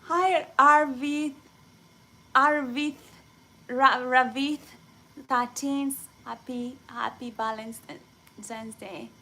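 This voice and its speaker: A young woman from Kenya chatting casually with viewers on a livestream, rambling excitedly with many fillers. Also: sits high, extremely slow, pauses often, low-quality recording. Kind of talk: casual live chat.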